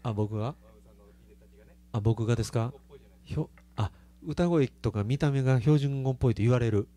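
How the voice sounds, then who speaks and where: A man's voice: mid-range voice, moderate pace, warm tone. A man with a Kansai accent, a singer chatting casually with his live stream audience between songs, laughing often. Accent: Kansai Japanese. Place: small live music venue.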